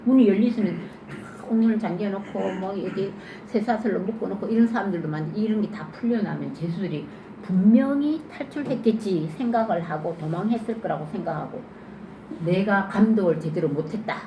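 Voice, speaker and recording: 질문 많이 던지는 여자 주일학교 설교, 잔잔한 잡음, 울림 있음. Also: female voice, medium pitch, a little fast, lo-fi sound. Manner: lively questioning, acts out scenes. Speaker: children's sermon teacher. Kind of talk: interactive Bible sermon for children. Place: church. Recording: echoey church room, faint noise.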